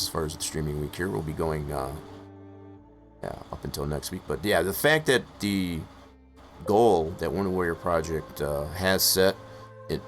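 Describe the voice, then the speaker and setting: A man streaming live in casual chat, rambling with many fillers and hoarse from losing his voice. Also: a bass voice, a bit bright. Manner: rambling, full of "uh" and "I guess, as far as" fillers. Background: faint music playing in the background.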